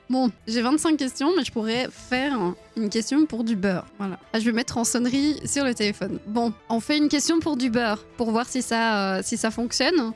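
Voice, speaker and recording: A woman in her thirties hosting a live quiz stream, chatting playfully with viewers and giggling often. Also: high voice. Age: 30s. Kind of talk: casual live-stream chat.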